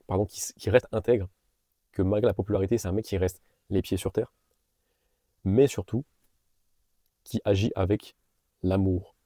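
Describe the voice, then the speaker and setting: A man's voice: lowish voice, warm tone, no room sound, studio quality. A young man in a casual, earnest motivational monologue, speaking straight to the viewer with fillers and restarts. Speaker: vlogger and business coach.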